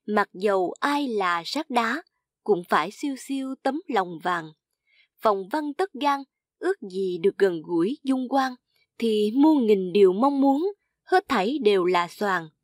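A woman narrating a classical tale in a measured way, reciting old verse. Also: medium pitch, expressive, dry recording, studio quality.

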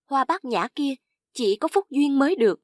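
A woman voicing a shy, graceful and quick-witted young beauty who answers gently and demurely. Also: high-pitched, big pitch swings, no echo, clean studio sound, pitched above the performer's own voice.

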